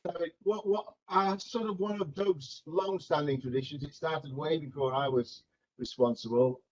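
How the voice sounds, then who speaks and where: A man's voice: a little high, moderate pace. A middle-aged man chairing an informal meeting, hesitant and often repeating his words. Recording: dull lo-fi video call audio.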